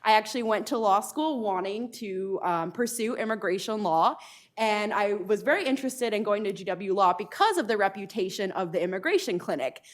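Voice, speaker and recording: A woman's voice: medium pitch, lively intonation, fairly quick. A woman law professor introducing herself at a panel event, speaking earnestly with frequent ums. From United States. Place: lecture hall event.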